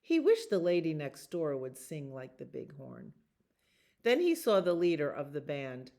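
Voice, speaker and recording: A librarian at storytime reads a children's storybook aloud, her deep voice expressive and deliberate as she draws out the repeated words.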